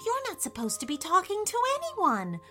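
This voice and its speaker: A woman's voice: very high-pitched, wildly swooping pitch, normal speed, bright, forceful tone, faint music behind, pitched above the performer's own voice, full character voice. A woman voicing a sensible, matter-of-fact female dinosaur in disguise in a storybook reading. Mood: scolding. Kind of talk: storybook character voice.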